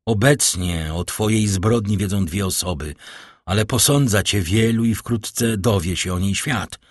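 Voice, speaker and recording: A man reading an audiobook, voicing a cold, stern prosecutor who accuses his wife in a slow, cutting manner. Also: lowish voice, dry recording, clean studio sound. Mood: accusing. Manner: icy, cutting, slow and menacing. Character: cold stern male prosecutor, middle-aged husband. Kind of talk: audiobook character voice.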